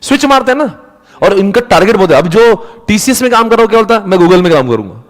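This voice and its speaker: A chatty male teacher with a slightly higher voice, talking to his class in a loose, conversational way. His voice rings with a long reverb, as if recorded in a hall. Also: lively intonation, quick pace. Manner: chatty, mixes Hindi and English, acts out quotes. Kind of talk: casual classroom lecture.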